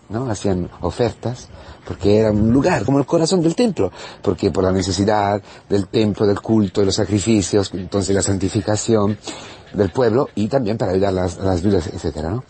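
A man's voice: fairly low pitch, slight background noise. Impassioned preaching man. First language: Italian. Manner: impassioned preaching with sudden swings between loud and hushed; repeats words and phrases for emphasis. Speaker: priest. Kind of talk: sermon.

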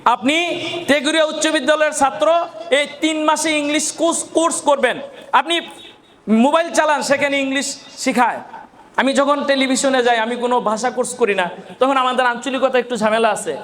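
High-voiced man giving a motivational speech. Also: moderate pace, a bit bright. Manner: asks the audience rhetorical questions. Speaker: Islamic scholar giving a farewell speech.

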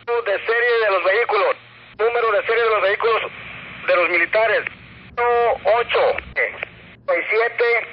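High-pitched man reporting slowly over radio. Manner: halting dictation, repeating phrases. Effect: voice over two-way radio. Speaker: police officer reporting by radio. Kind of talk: radio incident report, dictating details. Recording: dull, noisy two-way radio transmission.

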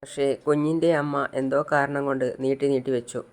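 A man voicing a composed hospital doctor who explains things in a measured, reassuring way. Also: mid-range voice, level tone, lightly acted. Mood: explaining.

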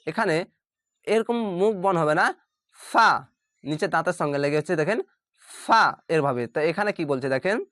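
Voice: medium pitch, no room sound. Pronunciation tutor facing the camera, mid-range voice, patient and repetitive, dry room. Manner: patient, explains slowly and repeats each sound aloud. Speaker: Quran pronunciation teacher. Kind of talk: step-by-step pronunciation lesson.

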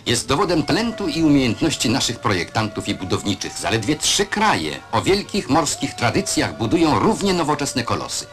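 A man narrating an old newsreel in the classic voice-over manner, proud and declamatory. His pitch swings widely through each sentence and he tosses in rhetorical questions. Music plays under the archival soundtrack throughout. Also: wildly swooping pitch, fairly quick, hardly any pauses, fairly bright tone.

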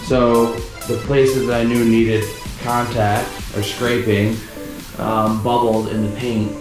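A chatty young DIY host narrates a repair job as a casual how-to, calling his viewers "guys." His voice is mid-range, flat and slow. He starts outdoors by a truck, then moves inside a metal walk-in cooler, and the sound is roomy with music playing behind.

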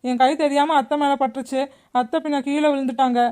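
A woman's voice: sits high, little pitch movement, fast, a little mellow, natural voice. A woman voicing a young schoolgirl granddaughter who earnestly explains what happened. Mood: explaining.

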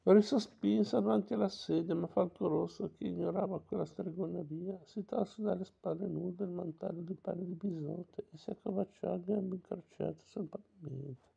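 A man narrating an audiobook with a gravelly voice. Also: high voice, steady tone, moderate pace, mellow, lo-fi sound.

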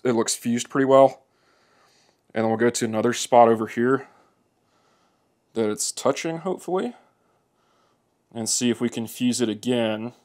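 A motorcycle repair demonstrator with a mid-range, darkish voice talks through a plastic welding repair as he does it. He's plainspoken and easygoing, giving hands-on how-to narration inside a workshop.

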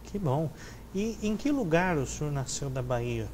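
A man's voice: a little high, very animated, normal speed, a little mellow, a little hiss or hum, rough recording. A young man, a priest hosting a religious TV program, greeting viewers and asking questions in a friendly, formal manner on a lapel mic in a studio. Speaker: TV host, priest. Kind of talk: TV interview hosting. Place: TV studio with chapel set.

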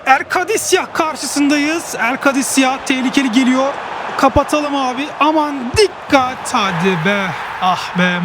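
Male gaming commentator, very high voice, excitable, boastful, joking play-by-play. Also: noisy background. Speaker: gaming YouTuber. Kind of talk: live gameplay commentary.

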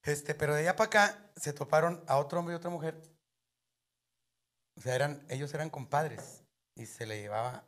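A man's voice: on the high side, moderate pace, long pauses, a bit bright. A male comedian from Mexico with a northern Mexican accent, telling rowdy, profane jokes. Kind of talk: telling off-color jokes on a show.

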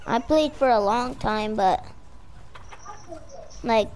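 A woman's voice: fairly high pitch, slow pace, a little mellow, a little hiss or hum. A woman hosting a gaming video, chatting in a laid-back, offhand way during play. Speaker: gamer, video host. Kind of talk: casual gameplay chat.

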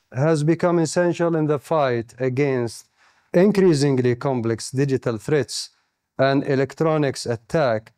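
Speaking at medium pitch with a darkish tone, this Saudi keynote speaker gives a formal prepared address indoors at a conference. His delivery is measured and paced with deliberate pauses as he reads notes into a stand-mounted handheld microphone held near his mouth.

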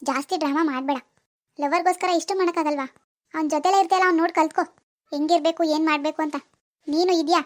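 Woman doing a sulky demanding young village woman, cartoon voice, very high-pitched, quick, sarcastic scolding tone. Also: fairly even intonation, natural voice. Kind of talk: cartoon dialogue voice acting.

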